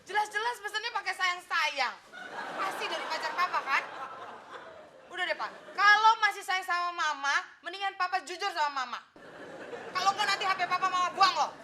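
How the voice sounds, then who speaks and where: A shrill jealous sitcom wife. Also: female voice, expressive. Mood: accusing. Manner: scolding, quick to anger. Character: fiery jealous wife, sharp-tongued and loud. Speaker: office worker confronting her husband. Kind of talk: sitcom acting. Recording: noisy set with a laughing studio crowd.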